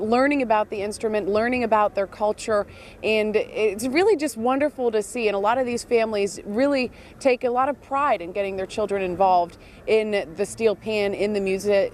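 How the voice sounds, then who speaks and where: A woman's voice: fairly high pitch, a little mellow. Upbeat woman field reporter. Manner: upbeat, encouraging questions. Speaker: carnival reporter. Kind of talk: field interview.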